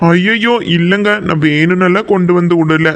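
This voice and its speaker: A fairly high-voiced cartoon village man played by a man with a Coimbatore Tamil accent. He is flustered and apologetic, and he pleads in a nervous rush. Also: normal speed, a bit bright. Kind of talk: cartoon voice acting.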